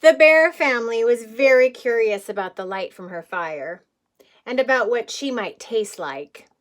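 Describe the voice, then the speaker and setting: A woman whose voice sits on the high side reads a picture book at a measured pace to young children, as a kindergarten teacher would. Chuckling frequently, she tells the story with expression, asks her listeners questions, and explains words in simple terms.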